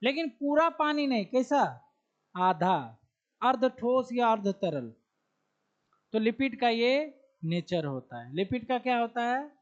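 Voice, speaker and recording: A man with a Bihari Hindi accent teaches biology in a very high-pitched, very animated, slow voice. He quizzes students, supplies the answers himself, and repeats key terms while writing them on the board, all captured in a dull lo-fi classroom recording.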